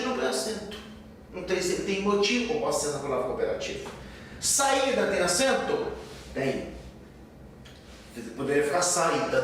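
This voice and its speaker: A man's voice: a little high, a little hiss or hum. An older man teaching a grammar lesson, explaining step by step and asking and answering his own questions. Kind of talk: recorded Portuguese grammar lesson. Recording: echoey room, voice from a distance.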